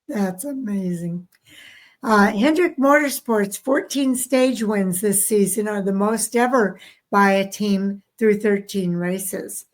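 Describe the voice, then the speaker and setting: A woman's voice: medium pitch, takes it slowly. A woman co-hosting a racing podcast, reading statistics in a tired, casual way. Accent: Southern American. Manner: tired, yawning. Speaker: podcast co-host. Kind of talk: reading race stats in casual chat.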